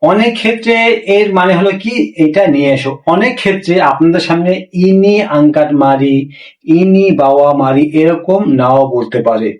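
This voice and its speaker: A man giving a casual spoken language lesson, repeating phrases slowly and filling pauses with small asides. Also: a little high, animated, a little mellow. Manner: slow, repetitive drilling of phrases with many fillers. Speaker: language teacher. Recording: echoey room, voice from a distance.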